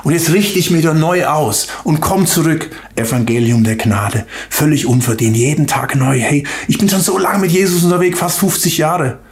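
An older man preaches with fervent emphasis, speaking directly to his listeners and doubling back on words as he presses a point. His voice sits fairly high for a man. The sound rings in an echoey church hall. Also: moderate pace, hardly any pauses. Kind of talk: sermon with prayer. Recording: echoey room.

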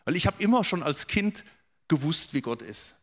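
A man preaching a sermon, earnest and direct, repeating words for emphasis and dropping to a soft voice for quoted questions. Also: on the high side, expressive, moderate pace.

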